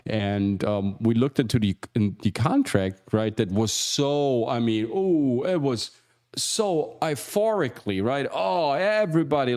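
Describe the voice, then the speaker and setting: A man hosting a casual livestream as an acting coach, rambling with many restarts and asides and jumping higher for emphasis. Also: darkish tone, smooth. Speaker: acting coach and show host.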